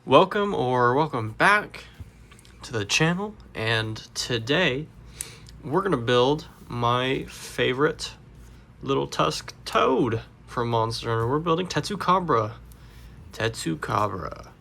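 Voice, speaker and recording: A congested man walking through a Lego build step by step, relaxed and rambling with fillers. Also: mid-range voice, slow, gravelly, slight background noise. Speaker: Lego builder, channel host. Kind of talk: casual build tutorial.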